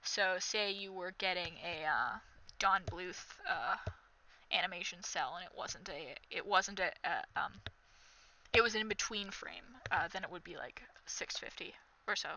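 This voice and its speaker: Here a young commentary vlogger speaks at normal speed in a lowish, pushed, bright voice with a somewhat nasal quality. She reads text out and then mocks it, sounding exasperated and sarcastic, over slight background noise on a rough recording.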